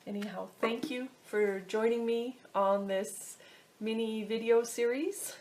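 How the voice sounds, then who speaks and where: A woman casually teaching a step-by-step technique, often pausing to search for her words. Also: a little high, fairly even intonation, a little mellow, a little hiss or hum. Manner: halting, searching for words as she explains. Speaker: instructor teaching a pendulum technique. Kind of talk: casual instructional video talk.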